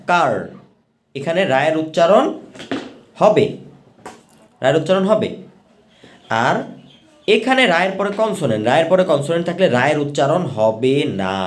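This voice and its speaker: Man teaching pronunciation, slightly high voice. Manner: patient, repeats rules slowly for learners. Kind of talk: explanatory lesson.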